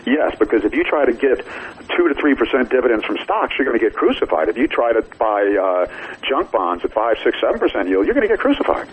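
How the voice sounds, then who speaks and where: A man's voice: medium pitch, very animated, fast talker, breathy edge, poor audio. A man speaking as a financial expert in a casual radio interview, blunt, emphatic and colloquial. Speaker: financial author and newsletter publisher, interview guest.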